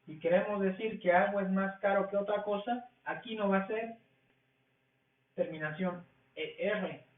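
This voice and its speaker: A man teaching a language class, explaining rules slowly and asking questions that he answers himself. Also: high voice, steady tone. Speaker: English teacher. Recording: tinny, echoey, from far off the mic.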